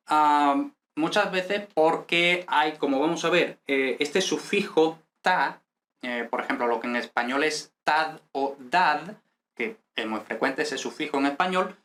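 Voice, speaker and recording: A man's voice: on the high side, pushed and bright. Patient Spanish-speaking grammar teacher, man. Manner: patient, repeats "¿vale?" to check understanding. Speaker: language teacher. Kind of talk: explaining grammar in a video class.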